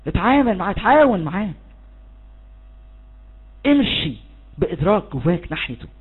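Through thin, phone-quality audio comes a husky, high, very animated male voice moving at a brisk clip. Preaching charismatically with an Egyptian Arabic accent, he fervently spurs his audience forward and leads them in shouted declarations.

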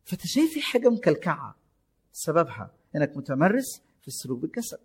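A man's voice: a little high, huge pitch swings, fast talker, a little mellow, slightly rough. A man preaching a sermon in an Egyptian Arabic accent, exhorting listeners with rhetorical questions and shifting emphasis.

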